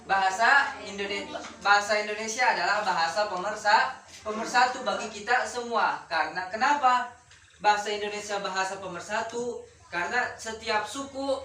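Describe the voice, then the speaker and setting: A woman's voice: medium pitch, normal speed, bright, forceful tone. A woman teaching a classroom lesson, firing questions at her pupils and repeating key words. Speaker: schoolteacher. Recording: roomy classroom heard from a distance.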